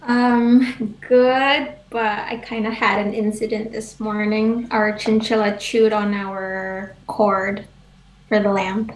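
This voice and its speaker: A woman's voice: medium pitch, flat delivery, slow pace. A young woman in her twenties, a guest on a casual video call, bashful and giggly, mixing languages as she talks. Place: home room with bookshelves, indoors. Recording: echoey room.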